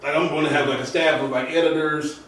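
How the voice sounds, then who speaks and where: A man's voice: on the high side, steady tone, fast, a bit bright. A man in his thirties, host of a casual podcast, talking earnestly with many filler likes. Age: 30s. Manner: earnest, loose, lots of "like". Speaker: podcast host and channel owner. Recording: roomy echo, mic at a distance.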